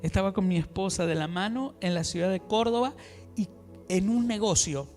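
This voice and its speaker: High-voiced preacher in a reverberant hall. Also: male voice, moderate pace. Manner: impassioned, swings between loud exhortation and hushed asides. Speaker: apostle preaching. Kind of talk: sermon. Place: church hall. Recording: music and long reverb of a hall.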